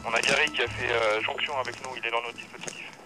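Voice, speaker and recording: A man's voice: mid-range voice, level tone, fast talker, over music. A man talking over a walkie-talkie radio as a milsim teammate, using call-sign procedure in clipped phrases with hesitant fillers. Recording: distant radio with loud noise.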